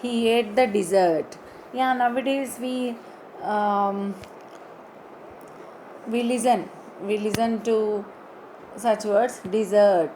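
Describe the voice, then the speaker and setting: A woman teaching an online English lesson, slowly spelling out words letter by letter and repeating them. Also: medium pitch, fairly even intonation, mellow, a little hiss or hum, low-quality recording.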